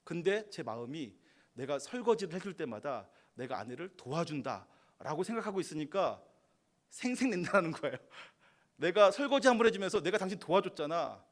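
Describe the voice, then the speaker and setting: Korean pastor preaching with animated quotes. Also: male voice, moderate pace. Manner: acts out quoted dialogue, rising to emphatic high bursts. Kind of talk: sermon. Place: church sanctuary.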